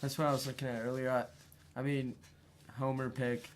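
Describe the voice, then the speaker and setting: A man's voice: medium pitch, level tone, moderate pace, slight background noise. A young man co-hosting a casual sports podcast, joking around and peppering his talk with "like". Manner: jokey, laughs often, uses "like" a lot. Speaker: podcast co-host.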